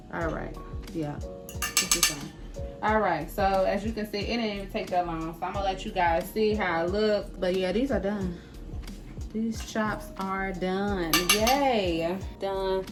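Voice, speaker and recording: A woman chatting casually as she cooks in her home kitchen, often adding "right?" and "y'all". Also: medium pitch. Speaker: home cooking vlogger. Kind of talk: casual cook-along chat. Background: background music.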